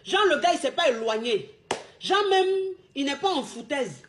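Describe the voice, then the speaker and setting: A high-pitched woman speaks as a relationship coach. Her delivery is emphatic and repetitive, peppered with street slang. It sounds like a casual advice monologue. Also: sing-song, normal speed, slight background noise.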